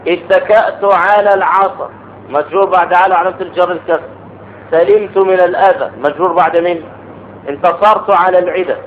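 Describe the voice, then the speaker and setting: High-voiced grammar teacher, tinny sound. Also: male voice, steady tone, fairly quick. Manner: explains step by step, asks the class questions. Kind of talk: classroom grammar lesson. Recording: tinny phone-like recording with faint noise.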